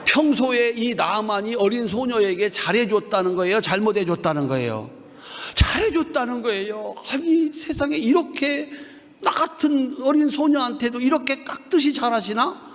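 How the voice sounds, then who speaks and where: A man's voice: extremely high pitch, normal speed. A man preaching at an evening revival service with a Chungcheong Korean accent, leading the congregation in call-and-response lines. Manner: animated, leads the congregation in call-and-response repetition. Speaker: guest pastor. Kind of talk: revival sermon. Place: church sanctuary during an evening revival service. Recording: long reverb of a church hall.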